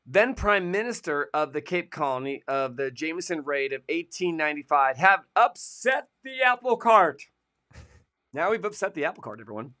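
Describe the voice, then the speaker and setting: A man's voice: fairly high pitch, pushed and bright, smooth. A man co-hosting a casual live-stream, chatting and joking as he reads idiom history from his sources. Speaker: co-host of a produce industry show.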